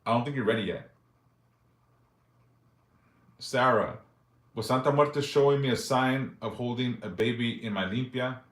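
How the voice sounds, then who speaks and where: A man's voice: mid-range voice, moderate pace, long pauses, fairly bright tone, echoey room. Profane man in his forties on a live stream. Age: 40s. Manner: loose and profane, reads comments aloud and answers briefly. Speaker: livestream host answering yes-or-no questions. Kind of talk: casual livestream chat reading viewer questions.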